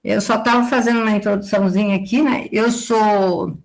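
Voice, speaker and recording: A woman's voice: medium pitch, fairly even intonation, fairly quick. A woman in her forties from southern Brazil giving a lecture as an agricultural consultant, explaining at length and tagging her sentences with a questioning "right?". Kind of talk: live lecture to students.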